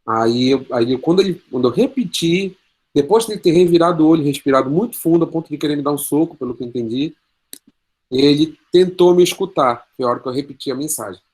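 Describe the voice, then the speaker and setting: A man's voice: on the high side, quick pace, a little mellow. A man with a Brazilian Portuguese accent teaching an online class, telling a story with quoted dialogue and walking through sums on a calculator.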